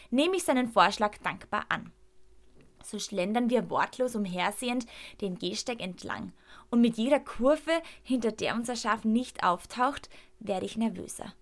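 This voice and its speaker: A woman reading a first-person story aloud with lively, expressive storytelling. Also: a little high. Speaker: narrator.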